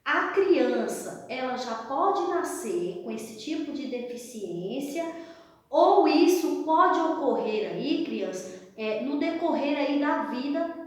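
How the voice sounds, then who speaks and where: A Brazilian woman teacher reviewing a lesson for children like a kids show host, addressing them with simple questions and check-ins, explaining deliberately with repetition. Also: sits high, animated. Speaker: primary school science teacher. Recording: very echoey, reverberant room.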